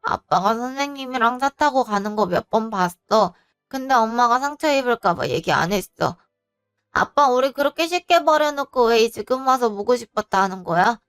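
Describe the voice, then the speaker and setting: A woman voicing a hurt young girl who accuses her father in sulky, tearful tones, in an animated storybook. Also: on the high side, moderate pace, clean tone, soft background music. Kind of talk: storybook voice acting.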